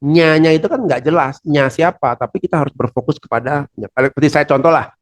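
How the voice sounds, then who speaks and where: A man's voice: on the high side, a little fast. A man giving a corporate training on presentation skills, acting out sample lines in shifting tones. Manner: lively, acts out example speeches in changing tones.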